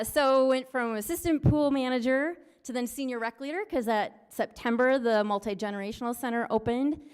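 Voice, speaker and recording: A woman in her forties, a recreation coordinator presenting at a city meeting in an upbeat, loud lifeguard voice with many fillers. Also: fairly high pitch, clean tone. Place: city council meeting room.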